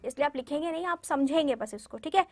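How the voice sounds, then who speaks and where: A woman's voice: high-pitched, quick pace, dry recording. A woman teacher giving a lesson to young pupils, patiently repeating words for them to say along and often checking in with them. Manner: frequent "ठीक है" check-ins and fillers. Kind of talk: classroom lesson addressed to children.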